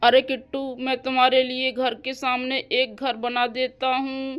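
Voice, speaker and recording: A woman voicing a calm, indulgent father in a doll-house cartoon story, speaking in a reassuring way. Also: high-pitched, a little slow, clear, resonant tone. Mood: soothing. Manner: soothing, reassuring.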